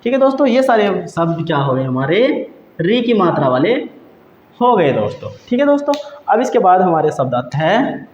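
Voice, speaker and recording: A man teaching a grammar lesson for exam students. He talks patiently, says each word slowly and repeats it, and often calls his listeners friends. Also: high voice, big pitch swings, a little mellow. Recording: dull, echoey room with faint hiss.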